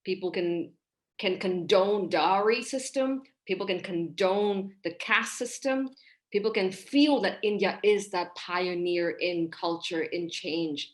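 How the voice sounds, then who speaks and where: Speaking from a small room over a video call, a Hong Kong woman in her thirties appears as a podcast guest and relationship coach. Her lowish voice is unhurried, and she explains her ideas in a warm, casual, heartfelt way, gesturing freely and expressively.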